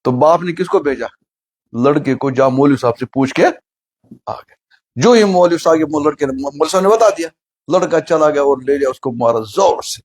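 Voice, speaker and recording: A man's voice: a little high, a little mellow, slightly rough. A man giving a sermon, telling a funny story and asking the listeners questions. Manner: asks the audience questions, acts out story characters. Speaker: Islamic preacher.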